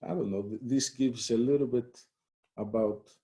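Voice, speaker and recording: A man from Greece who also grew up in the United States, an HR head answering interview questions in a relaxed, conversational way with many "you know" fillers. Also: medium pitch, normal speed. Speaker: head of human resources, interview guest. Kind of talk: live-streamed interview.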